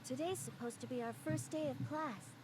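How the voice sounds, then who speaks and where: A woman playing a gentle, naive young schoolgirl in a video game, with a light youthful delivery. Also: sits high, moderate pace, background noise, natural voice. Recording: music behind the voice.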